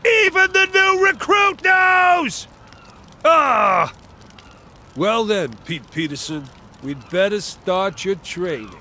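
A man's voice: high voice, big pitch swings, slow, background noise, full character voice. An actor voicing a bossy, blustery male fire chief in a kids' cartoon, drilling a new recruit. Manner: blustery, commanding.

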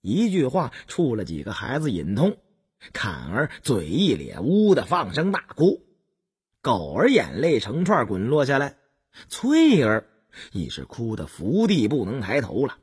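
A man narrating a historical novel audiobook in an expressive storytelling style. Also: breathy edge. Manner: expressive, swinging pitch, slow delivery.

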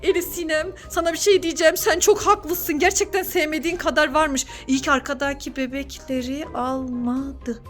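Very high-voiced exclaiming mother. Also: steady tone, normal speed, hardly any pauses, a bit bright, soft background music. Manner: exclamatory and scolding, with gasps. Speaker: mother in a family vlog. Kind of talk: staged family skit, talking to her child. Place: at home.

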